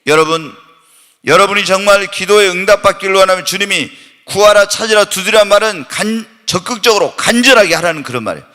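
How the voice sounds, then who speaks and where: A pastor preaching a Wednesday night church sermon, animated and full of rhetorical questions put to the congregation, sometimes bursting into loud shouted emphasis. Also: male voice, high voice, fast talker. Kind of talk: Korean evening church sermon. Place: church sanctuary during a Wednesday night service. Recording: long church-hall reverb.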